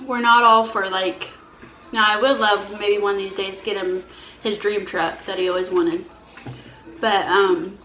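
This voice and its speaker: A woman's voice: medium pitch, sharp tone. A woman chatting casually as she hosts a question-and-answer video, informal and repeating phrases as she explains. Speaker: host of a couple's Q&A mukbang video. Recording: roomy echo, faint background noise.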